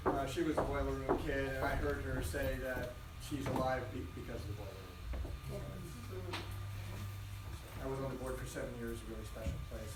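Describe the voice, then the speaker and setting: A man's voice: medium pitch, fairly even intonation, brisk. Man addressing a theater audience from afar. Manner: loose, chatty, self-correcting. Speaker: event facilitator. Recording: roomy, distant, noisy hall audio.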